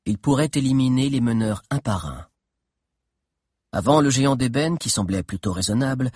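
Husky-voiced male storybook narrator. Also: mid-range voice, dry recording, clean studio sound. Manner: steady, dramatic reading with tense pauses. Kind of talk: audiobook narration.

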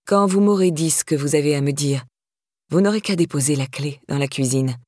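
A woman voicing a grieving young woman whose voice is raspy and tired, speaking curtly. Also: sits low, brisk, dark tone, no room sound, clean studio sound, voice pushed down. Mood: cold. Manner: curt, irritated.

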